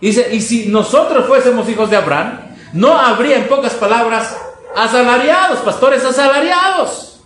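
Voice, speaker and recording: Very high in pitch and animated, this man's voice moves at a moderate pace with a slightly bright quality. He preaches passionately to a congregation, pressing them with rhetorical questions and reading quotations before remarking on them. Echo fills the room, and the background is noisy.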